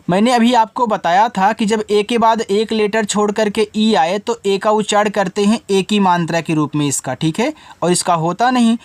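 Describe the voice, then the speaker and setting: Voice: medium pitch, dry recording. A teacher giving a spelling lesson, sounding out English words letter by letter, explaining each step and asking students questions.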